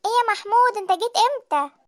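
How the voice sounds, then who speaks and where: A woman with an Egyptian accent voicing a caring but firm older mother-in-law in an animated story, motherly and scolding. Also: very high voice, very fast. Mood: warm. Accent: Egyptian Arabic.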